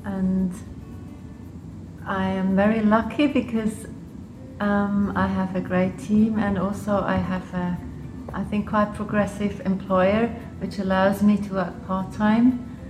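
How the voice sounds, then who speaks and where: Slow and flat in delivery, this mid-range-voiced woman has an English accent and comes from Switzerland and Liechtenstein. She's a public health official answering interview questions off the cuff, thoughtfully and hesitantly, in an echoey room with background music.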